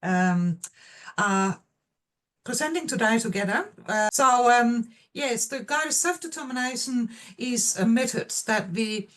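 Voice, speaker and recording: Presenting research at a seminar via video call, a Danish-accented woman professor, a native Danish speaker, talks in a voice on the high side with an expressive, fairly bright tone. She hesitates often, filling her many pauses with fillers.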